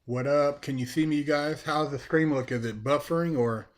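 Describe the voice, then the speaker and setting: A man's voice: fairly high pitch, normal speed. Laid-back American man livestreaming to viewers. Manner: laid-back, colloquial, often saying "man". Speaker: live streamer, channel host. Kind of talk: casual livestream chat to viewers.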